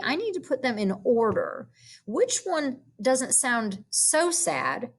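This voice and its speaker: A woman teacher patiently walking students through a vocabulary activity, explaining each step with gentle hums and fillers. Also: medium pitch. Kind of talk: recorded classroom lesson walkthrough.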